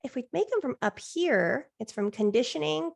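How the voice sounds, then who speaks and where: Woman life coach, encouraging and reflective, a touch of vocal fry. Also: high voice, lively intonation, moderate pace, darkish tone. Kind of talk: coaching session.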